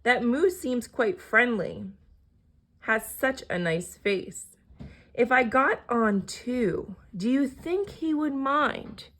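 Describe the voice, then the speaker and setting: A woman's voice: a little high, expressive, slow pace, fairly bright tone, voice pushed up, exaggerated voice. A woman voicing a small, polite and eager tree spider in a children's storybook.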